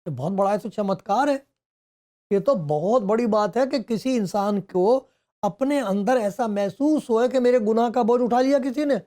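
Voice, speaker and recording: Guy pastor preaching, asks lots of rhetorical questions, kinda high voice, soft mellow tone. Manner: acts out the speech of people in the story. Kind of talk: sermon.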